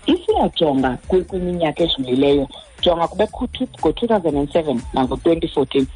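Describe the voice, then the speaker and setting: A woman's voice: deep voice, sing-song, a little fast, mellow, slightly rough, rough recording. A woman with a South African Xhosa accent explaining things as an official in a radio interview, slipping into English phrases. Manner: code-switches into English phrases. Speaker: consumer credit ombud representative.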